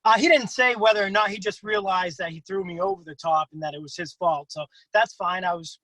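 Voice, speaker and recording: A man hosting a casual interview over a video call who swears freely and jumps into excited voices when he quotes other wrestlers. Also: fairly quick, dry recording, rough recording. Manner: profane, swears freely in anecdotes; acts out quotes with big pitch jumps. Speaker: interview host.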